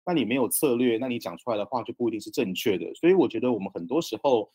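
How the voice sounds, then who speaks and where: Husky man calmly explaining as coach. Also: medium pitch, dry recording. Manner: calm, measured explaining. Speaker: communication coach. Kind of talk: explaining in a podcast interview.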